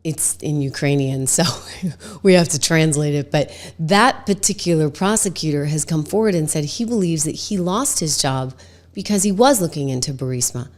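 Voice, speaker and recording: A middle-aged woman hosts a political talk show, her low, darkish voice a bit hoarse from a cold. She delivers opinionated commentary emphatically yet conversationally, animated and at normal speed, sprinkling in plenty of "like."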